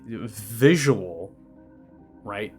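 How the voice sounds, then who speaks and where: A man's voice: fairly low pitch, animated, extremely slow, a little mellow, soft background music. A man narrating a tabletop fantasy game as game master, with a dramatic, descriptive delivery.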